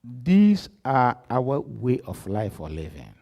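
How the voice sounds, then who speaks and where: A middle-aged man from Ghana with a Ghanaian accent, an apostle giving a live-streamed church address that swings between loud emphasis and soft asides. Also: medium pitch, wildly swooping pitch, slow pace, creaky. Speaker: apostle preaching.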